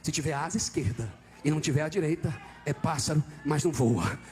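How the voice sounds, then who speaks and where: A man preaching a fiery church sermon, swinging from quiet, close talk up to shouted, high-pitched calls to the congregation. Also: quick pace, faint music behind. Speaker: visiting preacher. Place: church service.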